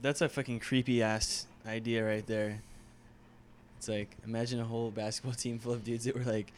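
Joking young podcast co-host. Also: male voice, medium pitch, little pitch movement, normal speed, a little hiss or hum. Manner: joking, laughs often, loose and profane. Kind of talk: casual chat.

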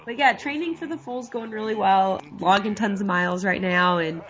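Medium-pitched and a bit bright, this woman speaks at a moderate pace, though a cold leaves her voice nasal and congested. Co-hosting a podcast, she chats casually and laughs a lot; the recording is dull and lo-fi.

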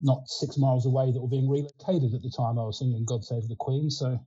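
Talking fast in a mid-range, slightly rough voice, this sixtysomething winemaking consultant rambles casually as an interview guest, full of fillers and restarts. His accent is Australian and his first language Ukrainian. The audio sounds dull.

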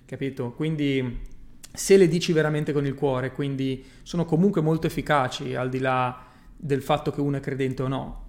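A man's voice: mid-range voice, steady tone, moderate pace, a little mellow. A man talking casually to his livestream viewers as a personal growth coach, emphatic and blunt, swearing freely and often checking that they follow him. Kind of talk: casual livestream talk reading viewer comments.

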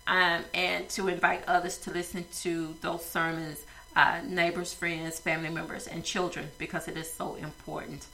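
A woman's voice: on the low side, flat delivery, normal speed, creaky, sharp tone, a little hiss or hum, poor audio. A woman hosting a podcast with a stuffy nose, talking casually and rambling with many fillers. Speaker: podcast host.

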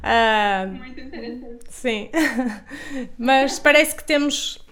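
Woman, Porto Portuguese accent, slow measured pace, slightly high voice, frequent light laughter. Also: fairly bright tone. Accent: Porto European Portuguese. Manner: unhurried, laughs often, small restarts. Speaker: Portuguese teacher, guest. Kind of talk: language lesson conversation.

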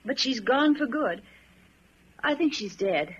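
A woman's voice: on the high side, expressive, measured pace, breathy edge, full character voice. A woman playing a vague, indifferent, forgetful wife in a radio drama, speaking in an offhand way. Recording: slightly dull radio drama recording.

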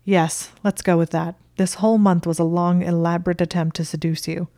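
A woman voicing a smug, teasing young male wizard who loves long words, in a low, level voice. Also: level tone, brisk, mellow, no room sound, studio quality, lightly acted.

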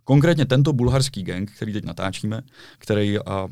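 A man chatting casually as a guest, telling stories briskly. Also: fairly low pitch, lively intonation, darkish tone, no room sound, clean studio sound. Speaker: guest, street video maker. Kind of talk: casual conversation.

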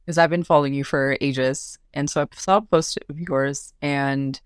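A woman's voice: deep voice, normal speed, clean tone, no echo, clean studio sound. A woman, a bridal makeup artist, talking casually as a podcast guest and acting out what her family said. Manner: animated storyteller, acts out family quotes.

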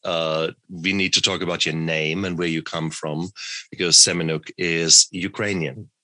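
A man hosts an interview show in a casual, rambling way, often restarting his thoughts. His voice sits very low yet carries a sharp, forceful edge. The sound is close and dry. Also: steady tone, normal speed, dry recording. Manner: frequent restarts and fillers. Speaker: podcast host.

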